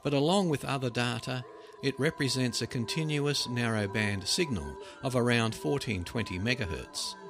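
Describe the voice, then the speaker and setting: A man's voice: mid-range voice, normal speed. Man narrating articles over prominent music. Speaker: narrator reading articles aloud. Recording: loud music behind the voice.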